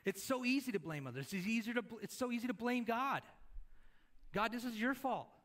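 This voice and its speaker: A middle-aged male pastor preaches a sermon from a church stage into a headset mic, his very high-pitched voice expressive, a bit bright and a little fast. He talks conversationally, asking the congregation questions and gesturing as he moves around.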